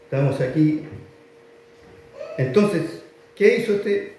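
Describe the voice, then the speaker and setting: A man with a Chilean accent preaching a sermon emphatically and repetitively, often rising to loud exclamations in a church hall. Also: a little high, expressive, slow pace, distant mic, a little hiss or hum. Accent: Chilean Spanish. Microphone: filmed for online viewers.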